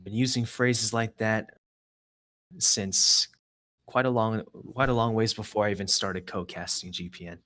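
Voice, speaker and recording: A man co-casting a live strategy game, brisk and matter-of-fact. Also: on the low side, steady tone, bright, forceful tone. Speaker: esports co-caster.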